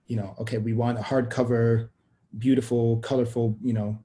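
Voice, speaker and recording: A young Swedish man, a guest on a video-call interview, speaks thoughtfully and expansively, often restarting his sentences. His medium-pitched voice is flat and dark-toned at a moderate pace.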